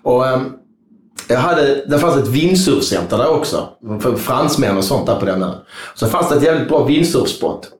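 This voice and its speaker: A man's voice: mid-range voice, animated, reverberant. A man telling a long story in casual interview chat, rambling and swearing freely. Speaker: guest.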